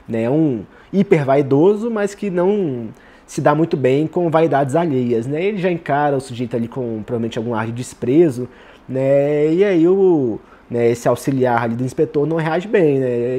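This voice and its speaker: A man's voice: medium pitch, dark tone. A man with a Brazilian Portuguese accent giving casual literary commentary, tagging nearly every phrase with "né".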